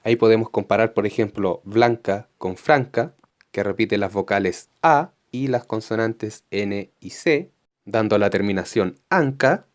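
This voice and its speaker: A man's voice: on the low side, measured pace. Patient Chilean male teacher explaining. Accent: Chilean Spanish. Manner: patient, explanatory, reads textbook passages aloud. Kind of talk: recorded online lesson for fifth graders.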